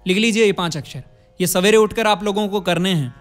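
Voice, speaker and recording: High-voiced man teaching a singing lesson. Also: fairly quick, faint music behind. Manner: explains step by step, then chants vowel drills. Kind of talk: vocal lesson.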